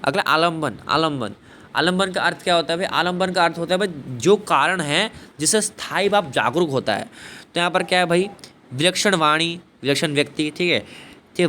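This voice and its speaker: Explaining a Hindi poetry lesson, the man speaks in a bright, forceful voice on the high side. He tends to repeat himself and to ask and answer his own questions, peppering his talk with "thik hai" and "bhai" over faint background noise.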